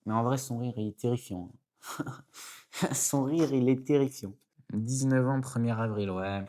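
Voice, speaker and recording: An excitable man giving casual pack-opening commentary to his viewers. He is chatty and talks to the audience as "guys", often jumping into high, excited exclamations and jokey asides. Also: unhurried. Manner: excitable, chatty, keeps addressing viewers as "les gars". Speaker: card-opening YouTuber.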